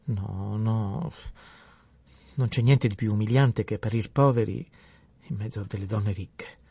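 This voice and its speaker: A man voicing an anxious young wife who longs for finery, speaking softly and hesitantly. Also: fairly low pitch, measured pace, gravelly, husky, no room sound, distant mic, heavily acted. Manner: hesitant, soft-spoken.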